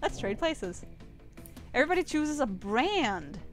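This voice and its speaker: A woman's voice: high-pitched, very animated, measured pace, music in the background. A woman streaming a dating game, chatting casually, swearing freely and reading game text aloud. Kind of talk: casual gameplay chat with guests.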